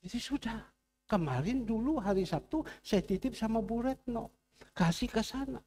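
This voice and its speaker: A man's voice: very high-pitched, lively intonation, moderate pace, darkish tone, slight background noise. A man preaching a sermon as pastor in a church, telling a story and acting out its dialogue. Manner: storytelling with acted-out dialogue, rising and falling emphasis.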